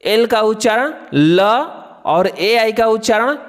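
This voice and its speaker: A man's voice: sits high, animated, slow. A man teaching children English phonics, spelling each word letter by letter and then saying it, asking them to repeat after him. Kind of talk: slow phonics lesson for children.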